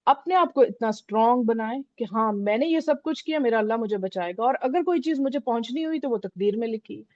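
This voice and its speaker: Woman, religious lesson, conversational teacher, mellow voice, dry close sound. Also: on the high side, animated, a little fast, no echo, muffled recording. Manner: conversational, repeats "theek hai" often. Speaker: Islamic teacher.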